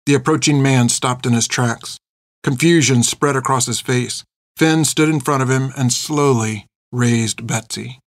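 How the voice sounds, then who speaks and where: Man reading a story, steady and dry. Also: medium pitch, a little slow, no room sound. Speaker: narrator. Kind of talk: audiobook narration.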